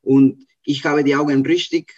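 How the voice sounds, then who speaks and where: A man's voice: on the high side, flat delivery, normal speed, a little mellow, lo-fi sound. A man in his fifties from Argentina with an Argentine Spanish accent, a street mime giving an interview, earnestly searching for words. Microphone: video call.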